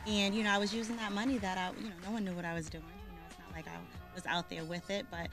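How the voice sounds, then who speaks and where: Over music, a woman's medium-pitched voice races along in a level tone. She's a guest on the show from Boston, Massachusetts, talking in a casual interview. Chatty and quick to laugh, she fills her speech with ums and restarts.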